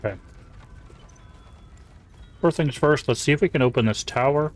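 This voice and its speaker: A man casually commenting on a game while streaming live, chatty and relaxed, with quiet mumbled asides. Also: medium pitch, normal speed, faint music behind.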